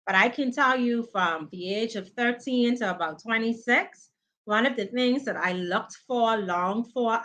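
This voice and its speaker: High, bright-voiced woman coaching live. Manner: earnest and preaching, thanks viewers by name. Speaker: life coach hosting a live training. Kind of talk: live-stream motivational talk.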